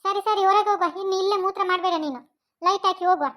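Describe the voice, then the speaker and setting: A woman's voice: very high voice, rapid-fire, a bit bright. A woman voicing a worried, protective mother with a Mangalore Kannada accent, fussing over and scolding her young son.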